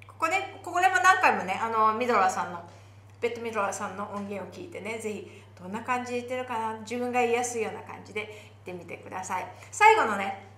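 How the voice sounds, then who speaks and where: A woman with a Japanese accent teaching English pronunciation for singing, slowly modeling lyric phrases between quick explanations. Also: on the high side, animated, fairly bright tone, echoey room. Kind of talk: singing lesson with demonstrations.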